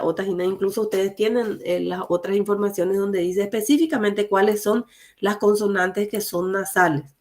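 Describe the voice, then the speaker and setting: A woman's voice: mid-range voice, a little mellow. Woman teaching an online grammar class. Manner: explains step by step, mixing two languages, many fillers.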